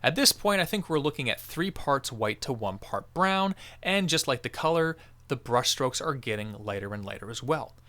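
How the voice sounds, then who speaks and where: Male tutorial host, bright voice, animated delivery, encouraging and jokey. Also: medium pitch, moderate pace, hardly any pauses. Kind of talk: crafting tutorial narration.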